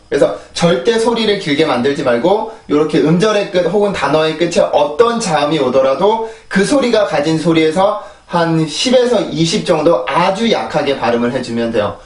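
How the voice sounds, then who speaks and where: Teaching English pronunciation in Korean, a man explains each sound, says the drill words three times over, and makes sure his students keep up. His voice is a little high, and the desk microphone sits far from him in an echoey room.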